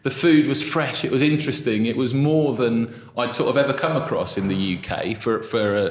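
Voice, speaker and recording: A man's voice: medium pitch, a little fast, echoey room. A man in his thirties, raised in England, chatting as a restaurant co-founder guest in a small room, self-deprecating and full of fillers. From Brazil, raised in England. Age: 30s. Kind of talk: casual interview chat. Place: small room in an office building.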